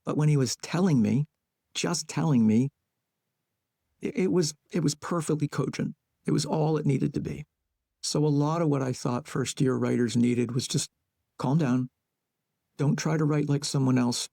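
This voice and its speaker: A man guest, a playwright and educator, talking reflectively in an interview and thinking aloud in short measured phrases. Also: on the high side, creaky, warm tone, dry recording, studio quality.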